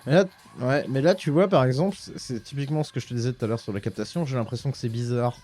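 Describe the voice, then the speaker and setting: A man's voice: medium pitch, fast, dark tone. A man co-hosting a casual music podcast, talking with many fillers and restarts. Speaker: podcast co-host. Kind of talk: casual chat about music. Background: music playing.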